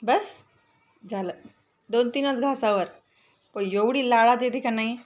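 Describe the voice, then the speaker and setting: A woman's voice: a little slow, lo-fi sound. A woman with a Marathi accent, chatting casually in a home vlog while coaxing and calling her pet bird. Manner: coaxing, calls the bird with high chirpy sounds. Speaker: vlogger.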